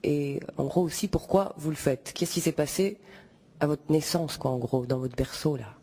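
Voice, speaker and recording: A man's voice: on the high side, normal speed, warm tone, slightly rough. A man hosting the video, opening it and introducing his guest in a loose, informal way. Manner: loose and informal, trailing off with "quoi". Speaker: host. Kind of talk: casual introduction.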